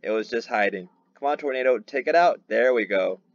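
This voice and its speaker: A man's voice: medium pitch, brisk, highs cut off. A man hosting his own gaming channel, commenting on his gameplay with eager energy and repeating words when thrilled. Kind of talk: excited game commentary.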